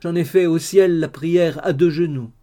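A man's voice: on the high side, normal speed, mellow, voice pushed up, close to an everyday voice. Tearful young woman, read by a man. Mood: tearful, pleading. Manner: fervent, sobbing pleas. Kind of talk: audiobook reading.

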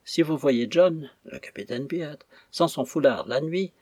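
A man's voice: on the high side, a little slow, a little mellow, husky, dry recording, clean studio sound, pitched above the performer's own voice. A man voicing an elderly captain's wife in an audiobook, speaking cheerfully and kindly.

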